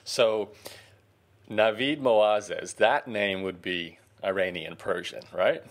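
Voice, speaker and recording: A man hosting a podcast interview, talking in a relaxed, conversational way with some fillers. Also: lowish voice, takes it slowly. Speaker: podcast host.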